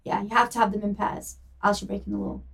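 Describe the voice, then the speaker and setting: A woman's voice: medium pitch, flat delivery, fast talker, vocal fry. A woman co-hosting a podcast in casual, jokey chat, often laughing. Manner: chatty and giggly, jokey. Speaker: podcast co-host.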